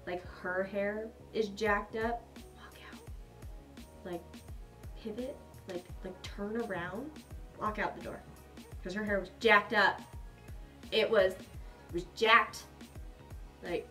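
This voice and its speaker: A young woman vlogger casually telling a personal story, chatty and animated, with sarcastic asides. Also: on the high side, recorded from a distance.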